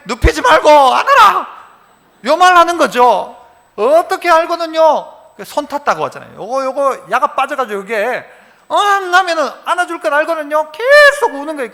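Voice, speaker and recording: A man's voice: very high-pitched, creaky, sharp tone, long reverb tail. A male pastor, preaching a sermon in a church sanctuary in a conversational way, asking the congregation many questions.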